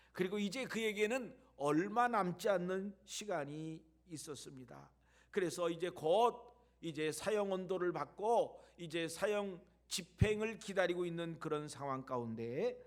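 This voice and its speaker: A man preaching a sermon as a pastor in a church, telling stories that swing between loud emphasis and hushed near-whispers. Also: fairly high pitch.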